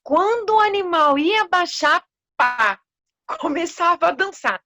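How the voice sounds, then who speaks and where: A woman with a Brazilian Portuguese accent telling a children's story, animated and expressive, with gasps. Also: very high voice, measured pace, dry recording.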